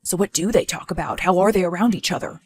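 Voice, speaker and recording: A woman playing a supportive, inquisitive male partner in a scripted story, low-key and dry. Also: fast talker, breathy edge, no room sound, soft background music. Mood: curious.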